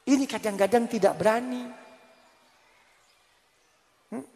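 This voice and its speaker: High-voiced slow Javanese-accented preacher. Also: male voice, gravelly, dark tone. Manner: drawn-out, emphatic, repeats words, asks the audience questions. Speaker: Islamic preacher. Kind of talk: sermon to a congregation. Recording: long reverb of a large hall.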